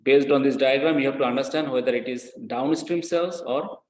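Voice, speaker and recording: This man speaks briskly at a medium pitch while lecturing on accounting step by step. English is not his first language; he repeats phrases and often makes sure students are keeping up. The room has an echo.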